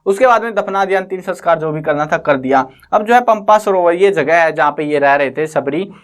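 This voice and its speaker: Guy explaining a story lesson for kids, smooth clear voice, kinda high, lots of side comments. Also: expressive, a little fast. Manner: chatty, retells with asides and fillers. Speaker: teacher. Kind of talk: casual story recap lesson.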